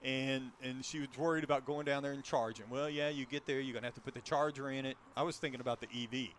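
A man's voice: mid-range voice, steady tone, quick pace, a bit bright, a little hiss or hum. A man hosting a casual car talk show, chatting in a rambling way with restarts about a vehicle he drove.

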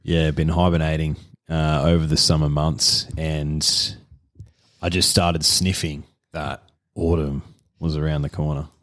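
A man with an Australian accent and a low voice co-hosts a podcast. He chats casually, in slangy, self-deprecating style. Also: flat delivery, a little slow, fairly bright tone. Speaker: podcast co-host. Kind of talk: casual chat.

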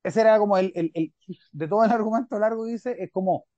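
A man's voice: high voice, quick pace, dark tone, no echo, dull audio. A man with a Chilean accent, a podcast host chatting casually, rambling and often checking in with the listener. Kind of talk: casual interview chat.

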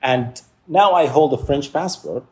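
A man from Palestine, speaking as an interview guest, reflective and halting, often searching for words and restarting. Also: mid-range voice, a little mellow.

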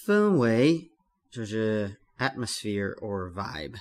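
A man co-hosting a language-lesson podcast, reading out his answers in a flat, robotic way. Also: on the low side, takes it slowly. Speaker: co-host and learner.

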